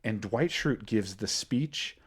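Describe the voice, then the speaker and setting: Lively, animated male podcast host. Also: on the low side, takes it slowly, husky. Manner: animated storyteller, laughs often. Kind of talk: casual recap chat.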